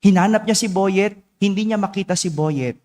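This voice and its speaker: A man's voice: high-pitched, normal speed, darkish tone. A male priest preaching a homily, telling a story and tagging his lines with "no?". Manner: tells a story with frequent "no?" tag questions. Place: church. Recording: long church reverb.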